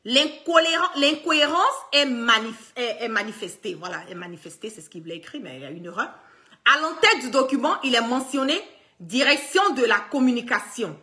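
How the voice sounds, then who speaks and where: A woman with a fairly high, sharp, forceful voice talks straight to her followers in a casual video. She is insistent and emphatic, hammering her points again and again. She often trips, restarts and leans on filler words. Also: animated, brisk. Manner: heavy use of fillers and restarts. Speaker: online political commentator.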